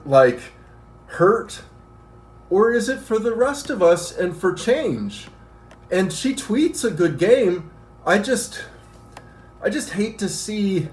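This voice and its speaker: A man in an argumentative rant to camera, out of breath from working out as he talks. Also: high voice. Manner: animated, argumentative, working out while talking. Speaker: vlogger. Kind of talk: ranting commentary to camera. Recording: echoey room.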